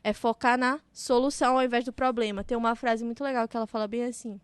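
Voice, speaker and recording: High-voiced mother, dry close sound. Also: fairly even intonation, quick pace, clear, resonant tone, no room sound. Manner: explains parenting ideas thoughtfully, with examples. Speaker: podcast co-host and mother. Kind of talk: casual podcast chat.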